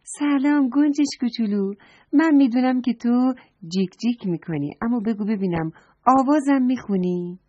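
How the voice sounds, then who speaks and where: Woman doing an eager little boy, polite and curious, husky, dull lo-fi recording. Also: on the high side, warm tone, dry recording, pitched above the performer's own voice, natural voice. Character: curious young boy searching for a birdsong.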